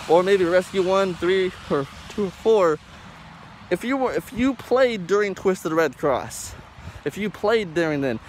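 A young man reviewing music in a rambling vlog, speaking loudly and emphatically through a face mask that muffles his words, recorded on a phone outdoors. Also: on the high side, a little hiss or hum. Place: outdoors in a parking lot. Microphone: phone held close at arm's length.

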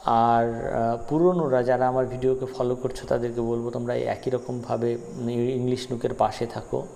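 Gravelly-voiced man teaching poetry. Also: mid-range voice, little pitch movement, moderate pace, dark tone. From Bengal. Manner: explanatory, repeats key terms, frequent fillers. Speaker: English teacher. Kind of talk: Bengali-English poetry lesson. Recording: long reverb, faint noise.

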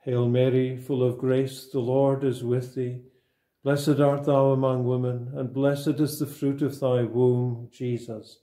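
Slow, flat-voiced man reciting prayers. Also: medium pitch, echoey room. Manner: slow, even, solemn recitation. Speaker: prayer leader.

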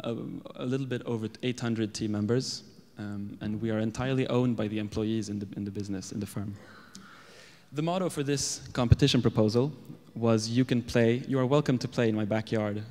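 A young man from Sweden presents at a lectern, speaking in a measured, steady way into a stand microphone. His mid-pitched voice carries the long reverb of a large event hall. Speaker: architect giving a conference talk. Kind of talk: conference presentation.

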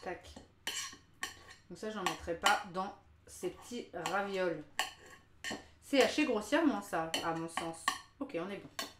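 A woman's voice: medium pitch, measured pace, pauses often, very noisy. Young woman, live cooking stream, casual chat, self-mocking, laughs a lot, roomy kitchen echo. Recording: roomy kitchen with faint clatter.

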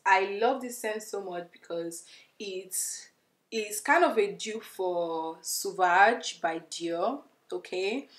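A young woman, chatting to camera about perfumes, emphatic and talking straight to her viewers. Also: medium pitch. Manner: chatty and emphatic, addressing viewers as "you guys". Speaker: beauty vlogger. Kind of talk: casual perfume review to camera. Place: indoor room, plain wall. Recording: echoey room.

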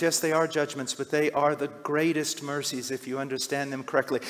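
Slow dramatic preacher guy, high voice, big echoey hall, drops quiet then yells. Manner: dramatic, swings from hushed to shouting. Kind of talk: sermon. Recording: long hall reverb.

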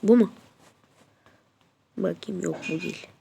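A woman with a flu-blocked, congested nose giving casual gameplay commentary, muttering to herself and then yelling excitedly at the game. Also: on the low side, measured pace, creaky, slight background noise. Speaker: gaming channel host.

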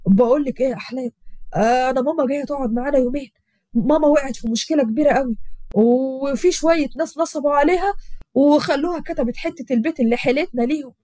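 A woman's voice: high voice, fast, dark tone, no echo, clean studio sound, natural voice. Woman voicing a dutiful Egyptian young husband. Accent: Egyptian Arabic. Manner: reassuring, earnest. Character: young married man, dutiful devoted son.

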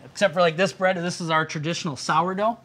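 A middle-aged man, the owner of a bakery, casually explaining his baked goods during a shop tour, with a relaxed manner and some fillers. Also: high-pitched, quick pace, a little hiss or hum.

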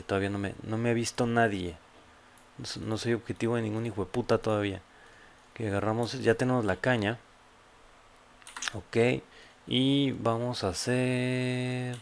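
A man with a Mexican accent giving casual, profane commentary as he plays a game, often bursting into loud yelps. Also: lowish voice, vocal fry, a little hiss or hum. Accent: Mexican Spanish. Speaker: gameplay YouTuber.

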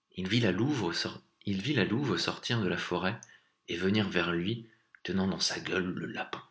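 A low-voiced man tells a folk tale aloud, his narration expressive and lively. His tone is low yet bright and clear. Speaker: storyteller.

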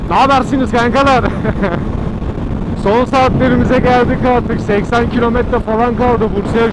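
A man chatting casually and in slang to his viewers from inside a helmet while riding a motorcycle. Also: very high-pitched. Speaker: motorcycle vlogger. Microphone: helmet microphone. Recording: muffled helmet mic, loud engine and wind noise. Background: loud motor and road noise.

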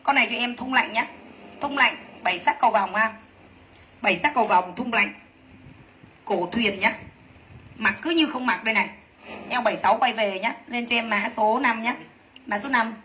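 A woman selling clothes on a livestream, talking rapidly and gushing over each piece while teasing her helpers. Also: fairly high pitch, pushed and bright, slight background noise. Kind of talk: live sales pitch.

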